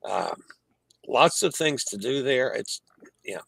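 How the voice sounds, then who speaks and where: A man's voice: mid-range voice, sing-song, slow pace, creaky, fairly bright tone, slightly rough, no room sound. A man chatting casually as a guest who shares his travel experience. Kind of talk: casual chat.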